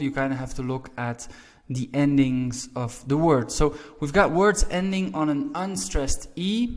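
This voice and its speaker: A man's voice: medium pitch, long reverb tail. A man teaching a language lesson, explaining grammar rules patiently, repeating each example and checking in with "right?".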